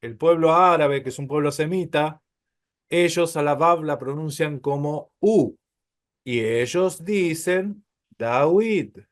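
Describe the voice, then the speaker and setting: A man's voice: fairly high pitch, fairly even intonation, unhurried. A man teaching a Hebrew class, explaining patiently, calling his listeners brothers and checking often that they follow.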